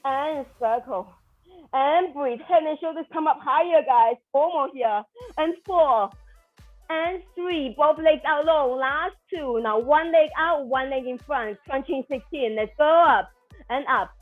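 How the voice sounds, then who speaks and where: An aerobics instructor with a high-pitched, unhurried voice calls out counts and commands to a floor workout class, encouraging and motivating them. The lo-fi recording sounds dull, with music playing behind her.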